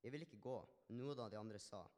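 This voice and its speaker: The humble, grateful Samaritan leper, played by a man, speaks in an earnest, reflective dramatic monologue. His voice sits at an ordinary pitch for a man. A long reverb from a large hall trails after every phrase. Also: darkish tone, natural voice. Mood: somber. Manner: earnest, reflective storytelling with small restarts. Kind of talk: dramatic first-person monologue.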